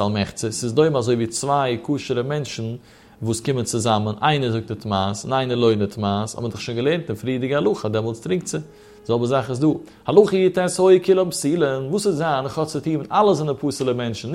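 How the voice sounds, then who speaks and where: A man giving a traditional study-hall Talmud lesson at an ordinary middle pitch. He chants in a sing-song, swinging up high and then sinking low. He talks it through aloud, posing questions and answering them himself. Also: a little mellow. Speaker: Talmud teacher.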